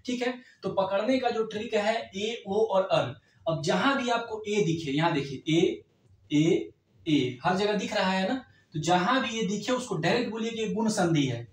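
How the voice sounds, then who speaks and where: A man's voice: high-pitched, animated, a little slow, distant mic. A man teaching an exam-prep grammar lesson, explaining step by step and checking in with the class often. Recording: echoey room, voice off-mic.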